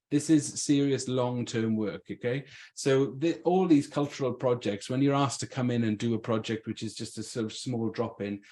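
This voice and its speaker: Invited as an arts speaker, a man from Swansea in South Wales gives an informal public talk in a Welsh Swansea accent. His mid-range, somewhat dark voice sounds conversational, as if he's thinking aloud.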